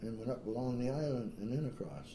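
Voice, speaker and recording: An older man with a very dark, mellow voice recalls old times in a rambling, hesitant way, dotted with fillers. The room around him is echoey with a light hiss of noise. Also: mid-range voice, quick pace. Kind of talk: casual reminiscing conversation.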